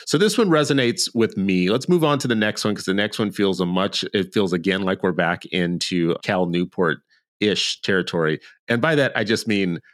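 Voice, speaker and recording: Male podcast co-host, very low voice, measured and conversational, dry room. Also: no echo. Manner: measured, conversational, pushes back. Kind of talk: casual podcast discussion.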